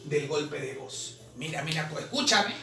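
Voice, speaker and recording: A man with a highish, expressive voice and a bright, forceful tone teaches language exam answers over soft background music. He explains by drawing out and repeating syllables in this exam solution lesson. A distant mic gives the roomy recording some faint noise.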